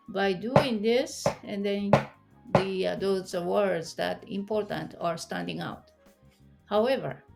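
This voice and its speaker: Slow, gravelly-voiced woman teacher. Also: mid-range voice, darkish tone. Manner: patient, explanatory, asks the listener questions. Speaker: Japanese language teacher. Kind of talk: online language lesson.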